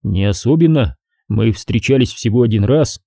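A man's voice: medium pitch, lively intonation, moderate pace, vocal fry, warm tone, dry recording, studio quality. A man voicing a nervous male scientist answering police questions defensively. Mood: anxious. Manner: anxious, defensive. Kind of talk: audiobook character voice.

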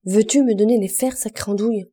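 A woman voicing a hot-tempered working-class male roofer who shouts gruffly across the rooftops in an audiobook. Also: mid-range voice, a little fast, lightly acted. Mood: furious.

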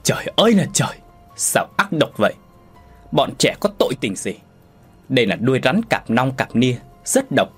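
A man's voice: mid-range voice, sing-song, normal speed, slightly rough, soft background music. A man voicing an earnest village father who knows folk healing, speaking urgently and questioning in a spoken story. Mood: dismayed.

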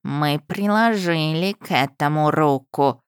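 Woman playing a wise male cat, soft and unhurried. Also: low-pitched, clean tone, no echo, studio quality. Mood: calm. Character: clever talking cat, male, calm and sensible.

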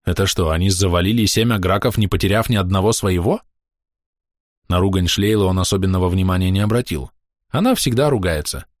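Low-voiced male audiobook narrator. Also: fairly quick, dry recording, studio quality. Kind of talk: scripted narration.

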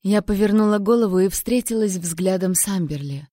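A woman calmly narrating a first-person audiobook in a measured storytelling manner. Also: mid-range voice, no echo, studio quality.

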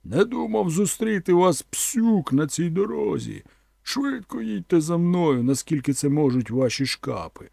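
A man's voice: on the high side, very animated, measured pace, gravelly, no echo, studio quality, pitched above the performer's own voice, exaggerated voice. Conan, a man doing a raging barbarian warrior. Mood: angry shouting. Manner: shouting, bellowing. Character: angry male barbarian warrior, gruff, commanding.

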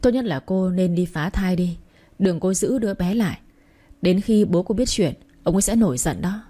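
A man's voice: high-pitched, lively intonation, moderate pace, mellow. A woman voicing a greedy, easily frightened married man who talks in a curt, scolding way. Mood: cold. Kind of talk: storybook reading.

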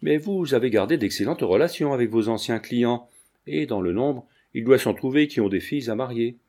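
A man's voice: medium pitch, lively intonation, a little fast, mellow. A man voicing an earnest middle-aged mother eager to marry off her son.

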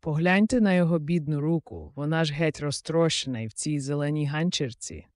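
A man's voice: on the high side, a little fast, no echo, close to an everyday voice. A fretful, doting old nanny with a raised, fussing voice, scolding her charges in an audiobook story, as a male narrator puts her on. The reading is close and dry, with no room sound.

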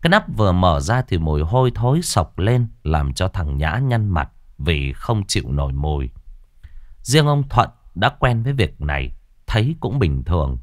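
Male narrator, low and animated storytelling. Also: no echo, studio quality. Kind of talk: scripted horror story narration.

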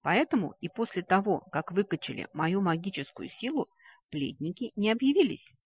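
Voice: medium pitch, big pitch swings, slightly rough, no echo, muffled recording. A reader voicing a proud male elf mage. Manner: proud, measured explaining. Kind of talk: audiobook character voice.

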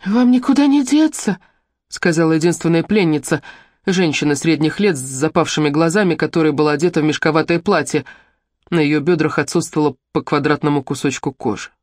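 An audiobook narrator reading a first-person fantasy novel in an even, measured way. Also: mid-range voice, no echo, studio quality.

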